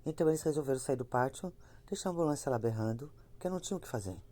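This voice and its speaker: A woman with a slight cold, a bit congested, tells a horror story in a very low, mellow, expressive voice at a racing pace. She's a ghost-story teller with a chatty, repetitive, casual spoken style, and she addresses her listeners directly.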